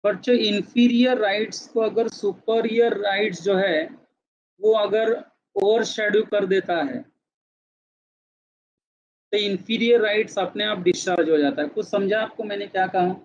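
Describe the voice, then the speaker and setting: A man's voice: sits high, fairly even intonation, measured pace, dull audio, a little hiss or hum. A male teacher giving a classroom lecture, switching between Hindi and English and often asking the students questions.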